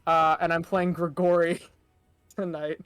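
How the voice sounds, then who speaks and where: Excitable swearing player on a dry mic. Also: medium pitch, unhurried, clean tone, dry recording, faint music behind. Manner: excitable, swears freely, self-deprecating. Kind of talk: casual chat during a game stream.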